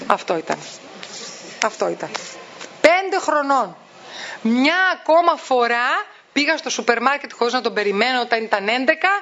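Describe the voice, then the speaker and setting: A woman giving advice to parents. She talks in a lively way and acts out the voices of parents and children. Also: high-pitched. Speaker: parenting educator. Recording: dull, muffled sound.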